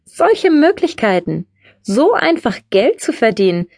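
A woman's voice: on the high side, very animated, unhurried, a little mellow, no echo, pitched above the performer's own voice, exaggerated voice. Woman reading a cocky young gal, blunt and breezy, very bouncy tone, dry sound. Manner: blunt, breezy, matter-of-fact. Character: young woman, streetwise, brash and unfazed.

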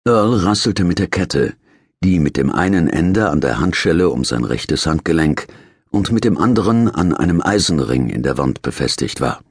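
A male audiobook narrator with a very deep, husky voice, reading in a measured, grave way. The sound is dry and close, with faint music underneath. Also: animated, dry recording. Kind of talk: scripted narration.

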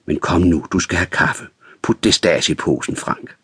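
A man voicing a brisk, firm young woman in an audiobook, speaking soothingly but decisively. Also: sits low, fairly bright tone, slightly rough, no echo, exaggerated voice. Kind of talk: audiobook reading.

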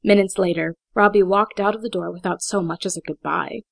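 A woman reading an audiobook aloud in a steady, measured way, with a heavy vocal fry. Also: medium pitch, no room sound. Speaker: audiobook narrator. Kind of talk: scripted audiobook narration.

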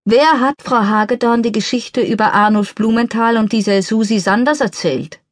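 A woman's voice: on the high side, normal speed, no room sound, clean studio sound, pitched above the performer's own voice, close to an everyday voice. A woman voicing a furious, scornful middle-aged society wife in an audiobook. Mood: impatient. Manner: shrieking, scornful. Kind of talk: audiobook character voice.

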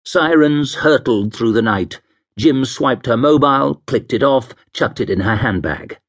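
A man narrating an audiobook thriller in a measured, expressive reading. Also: medium pitch. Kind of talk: scripted narration.

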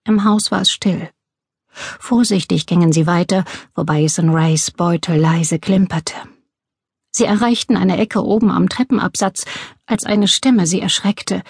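A woman reading a crime novel aloud in steady, measured audiobook narration. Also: on the low side, slightly rough, no echo, studio quality.

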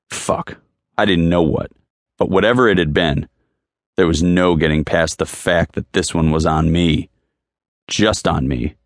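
A man's voice: deep voice, dry recording, studio quality. A man narrating an audiobook in the first person, brooding and intense, leaning hard on repeated phrases. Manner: brooding and intense, with emphatic repetitions.

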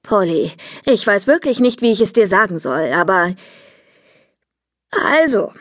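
Woman doing a bossy frazzled mother for a kids' story, quick and dramatic, dry booth sound. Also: mid-range voice, very animated, no echo. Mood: flustered. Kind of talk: children's audiobook reading.

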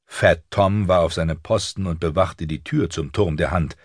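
Male audiobook narrator, very low husky voice, dry studio sound. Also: no room sound. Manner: measured, even storytelling. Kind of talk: scripted narration. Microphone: studio microphone.

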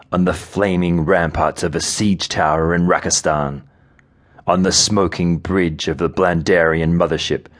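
A man narrating a novel in an audiobook, with measured, vivid storytelling. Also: low voice. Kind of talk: scripted narration.

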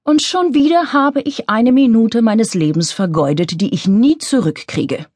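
A woman's voice: fairly high pitch, lively intonation, a little slow, a little mellow, breathy edge, dry recording, clean studio sound, pitched above the performer's own voice. A woman voicing a sour, scrawny balding man who grumbles and lectures sternly. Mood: grumpy. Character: grumpy, scrawny balding male office worker.

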